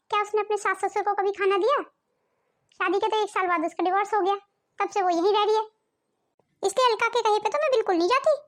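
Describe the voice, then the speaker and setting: A woman's voice: extremely high pitch, a bit bright. A woman voicing a wise, kindly mother-in-law. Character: fair-minded older mother-in-law, gentle and wise.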